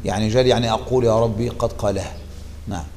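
A man with an Egyptian Arabic accent teaching a religious lesson, explaining a classical text in an animated way and repeating key phrases for emphasis. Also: lowish voice, rapid-fire, big-room sound, slight background noise.

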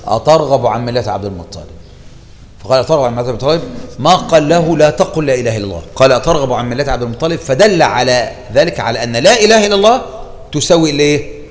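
A man with an Egyptian Arabic accent teaching a religious lesson, explaining a classical text in an animated way and repeating key phrases for emphasis. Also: medium pitch, very fast, big-room sound.

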